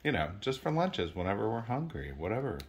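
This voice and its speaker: A man's voice: on the low side, very animated, brisk. A man co-hosting a casual grocery haul in a home kitchen, easygoing and agreeable, with lots of "um"s and "uh"s. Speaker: channel co-host.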